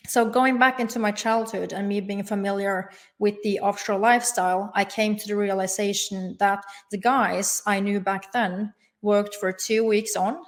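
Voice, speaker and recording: Woman from norway, young adult, formal careful answers, middle pitch. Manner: measured and formal, with careful connectives. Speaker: guest. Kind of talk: interview answers.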